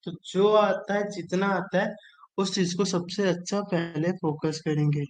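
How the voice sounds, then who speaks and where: Man, high-pitched voice, exam-prep teacher, repetitive coaxing delivery, casual online lesson. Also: fairly even intonation, a little slow, poor audio. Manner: repetitive, drilling phrases over and over, coaxing.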